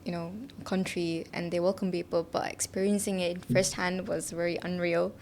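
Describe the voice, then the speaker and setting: A young woman, a student guest on a podcast, speaks with a fairly low, level, darkish voice at a normal speed. She chats cheerfully in this casual interview, laughing often and using fillers like "like" and "you know," with faint studio background noise.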